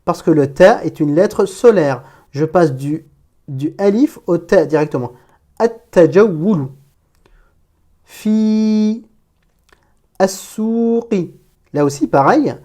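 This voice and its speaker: A woman's voice: sits low, lively intonation, normal speed, warm tone, husky. A woman teaching an Arabic reading lesson, patiently reading word by word and explaining pronunciation.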